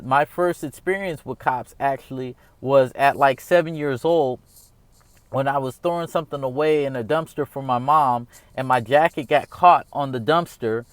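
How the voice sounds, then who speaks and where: A man's voice: medium pitch, clear, resonant tone, dry recording. A man in his thirties from the United States, talking through his opinions in a casual, earnest monologue that rambles and keeps circling back with "all right?". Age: 30s. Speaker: vlogger.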